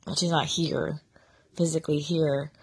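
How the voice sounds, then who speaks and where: A middle-aged woman, sick and nearly voiceless, speaks to followers in a raspy whisper, halting, subdued and sincere, in a confessional casual monologue. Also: sits low, flat delivery, dry recording. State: sick with sore throat, voice almost gone. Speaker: vlogger addressing followers.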